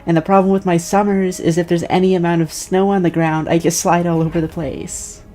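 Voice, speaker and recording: A woman with a slight lisp and a slightly low voice chats offhand and dry while she plays. Her tone stays casual and easygoing, with faint game music under her talk. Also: flat delivery, brisk, dark tone. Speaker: streamer. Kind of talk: casual chat while gaming.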